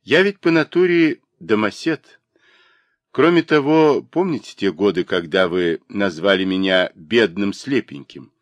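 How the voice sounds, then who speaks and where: A man doing a calm, earnest gentleman. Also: lowish voice, dry recording, close to an everyday voice. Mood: calm, sincere. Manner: calm, sincere, measured. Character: earnest, reserved young gentleman.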